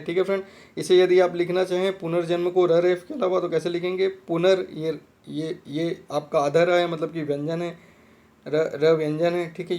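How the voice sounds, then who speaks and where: Male tutor with a high voice, patient and repetitive, explaining grammar for exam prep. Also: a little mellow. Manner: repetitive, checks understanding with "theek hai friend". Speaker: teacher.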